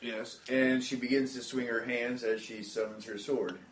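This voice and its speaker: A man's voice: medium pitch, level tone, normal speed. A man with a mid-range voice plays at a game table, speaking in brief, upbeat remarks. The room around the table adds an audible echo. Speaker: player. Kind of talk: casual tabletop play. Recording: roomy table recording.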